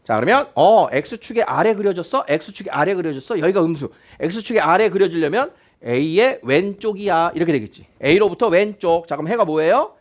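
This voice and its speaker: Brief: male math teacher, high animated voice, keeps quizzing the class and repeating points. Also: moderate pace. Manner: questioning, repeats key points to check understanding.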